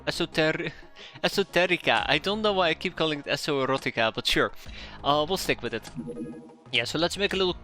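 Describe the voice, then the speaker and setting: Lively and brisk, a man from the Netherlands chats with his stream viewers over soft background music while playing a strategy game at home. His Dutch-accented voice sits on the high side with a sharp tone, and his commentary rambles, self-corrects frequently, and includes chuckling asides.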